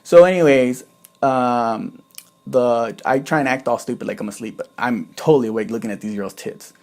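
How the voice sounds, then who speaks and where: A man's voice: mid-range voice, moderate pace, darkish tone. Chatty young man telling a story. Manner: chatty, swears often, fills with "like". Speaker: YouTuber telling a personal story. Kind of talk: casual storytime monologue.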